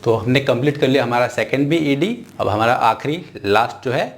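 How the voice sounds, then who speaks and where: A young Indian man teaching English phonics, drawing out each syllable and correcting wrong pronunciations. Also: medium pitch. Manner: drawn-out sounding of syllables, corrects wrong forms. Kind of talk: slow phonics lesson.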